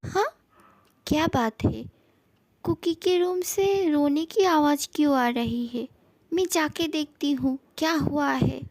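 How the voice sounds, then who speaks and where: Woman voicing strict young man, firm scolding manner, high voice, slow measured talk. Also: darkish tone, a little hiss or hum. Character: stern young man, strict but caring friend. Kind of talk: fan-fiction voice acting.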